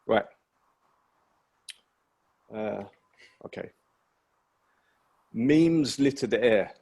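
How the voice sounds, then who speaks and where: Nervous guy at an online poetry open mic, kinda low husky voice. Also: a little mellow. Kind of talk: spoken word poetry and casual chat between poems. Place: online virtual open mic over video call.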